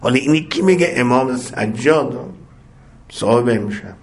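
A man preaching a religious sermon in a mid-range voice. He chants lines of Arabic prayer and explains each one, and his voice climbs into fervent, ringing cries as phrases repeat. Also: animated. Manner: recites Arabic prayer lines, then explains them in Persian; builds to impassioned high-pitched cries on repeated phrases.

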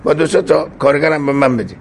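A man's voice: fairly high pitch, natural voice. A man voicing a sly, witty wise fool in an orally told folk tale, complaining in a wheedling way.

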